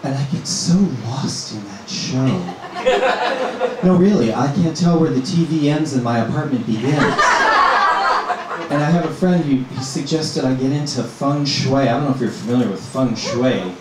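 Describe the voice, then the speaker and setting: A middle-aged man from Minnesota works through a stand-up set at a middle pitch, with a deadpan delivery padded by ums. His voice rings through a very echoey small club, picked up from a little way off the mic, with a faint hum of room ambience behind him. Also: distant mic, a loud crowd. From Minnesota, USA. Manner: halting, filler-heavy, deadpan delivery. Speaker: stand-up comedian.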